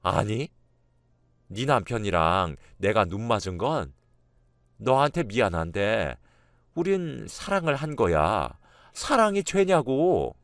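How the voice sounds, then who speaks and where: A man's voice: lowish voice, animated, slow, long pauses, a bit bright, no echo, studio quality, full character voice. A man voicing a scheming, shameless middle-aged woman in a spoken story, talking in a raised, mocking, indignant way. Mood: defiant.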